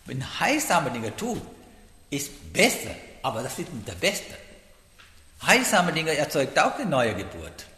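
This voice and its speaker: A man gives a Buddhist dharma talk, halting and grammatically loose, often pausing to check in with his listeners. His pitch rises and falls with lively movement. The sound carries a long, roomy echo from a large hall. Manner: halting, broken grammar, frequent "Ja?" check-ins. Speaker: Buddhist teacher.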